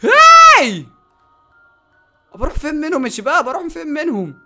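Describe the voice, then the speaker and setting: A man with an Egyptian Arabic accent giving excitable Minecraft gameplay commentary, often shouting and yelping at sudden dangers. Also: very high-pitched, racing, soft background music. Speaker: gaming YouTuber.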